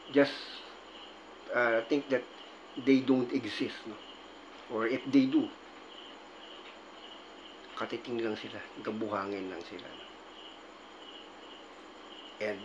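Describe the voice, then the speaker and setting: A man gives casual, rambling advice, often tossing in little tag questions. His voice sits at an ordinary middle pitch. The recording is a bit dull and lo-fi, with faint crickets and insects chirping behind him. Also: slight background noise. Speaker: video host.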